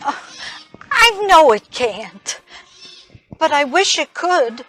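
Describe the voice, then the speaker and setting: An actress playing a gentle, hesitant older woman in a stage play, stammering softly as she offers comfort. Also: sits high, big pitch swings, slow pace, exaggerated voice, low-quality recording. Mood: tentative. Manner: hesitant, stammering, soft-spoken.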